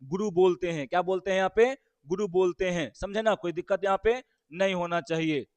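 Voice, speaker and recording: A man's voice: high-pitched, a little fast, clean tone, no echo. A male teacher, walking through exam questions and quizzing his listeners with rhetorical questions.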